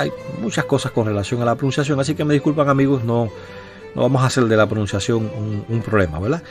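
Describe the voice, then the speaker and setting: A man giving an explanatory lecture on grammar as a teacher, talking patiently and often checking in with his listeners. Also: medium pitch. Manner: patient, explaining, with frequent "eh" and "¿verdad?" tags.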